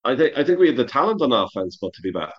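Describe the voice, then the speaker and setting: A man's voice: mid-range voice, sing-song, racing. A man co-hosting a casual sports podcast, talking in long, opinionated stretches full of "like" and "you know". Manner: rambling, opinionated, heavy use of "like" and "you know". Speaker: podcast co-host. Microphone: remote call over the internet. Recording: muffled internet call audio.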